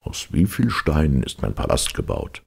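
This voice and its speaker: A man voicing a stern, commanding king in a storybook reading, speaking lower and slower than his narration. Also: huge pitch swings, gravelly, breathy edge, exaggerated voice.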